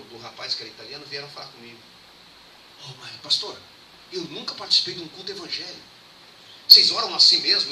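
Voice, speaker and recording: A young man preaching as a pastor, telling stories in a lively way and acting out the dialogue. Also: high voice. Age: young adult. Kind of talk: storytelling sermon. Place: church. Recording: echoey church hall, mic far off, background noise.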